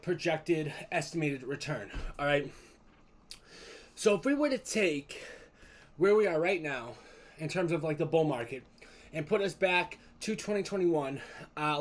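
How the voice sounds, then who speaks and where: A man hosting a casual walkthrough of price charts, out of breath and talking in a loose style that leans on "okay?" and "right?". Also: on the high side. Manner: loose, filler-heavy, keeps checking in with "okay?". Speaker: crypto channel host.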